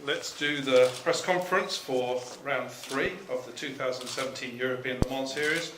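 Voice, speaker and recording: A man's voice: mid-range voice, fairly even intonation, normal speed, reverberant, background noise. A man moderating a press conference, putting questions to drivers in a casual, chatty, upbeat way.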